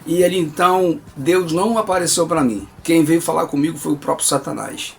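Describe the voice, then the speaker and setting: A man's voice: on the high side, brisk, creaky. A man with a Brazilian Portuguese accent giving an earnest, emphatic religious testimony and calling his listeners brother.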